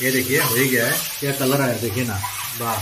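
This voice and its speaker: Excited Assamese man vlogging his cooking. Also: medium pitch, brisk, very noisy. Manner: enthusiastic, exclaims over the smells and flavours. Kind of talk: casual cooking vlog. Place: home kitchen. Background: food sizzling and frying.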